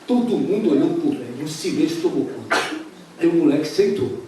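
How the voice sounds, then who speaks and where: A Brazilian man preaching a sermon, telling a story dramatically with sweeping swings between loud and hushed delivery. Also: a little high, expressive, a little fast, a little hiss or hum. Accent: Brazilian Portuguese. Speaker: pastor. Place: church sanctuary. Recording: very echoey church hall, mic far off.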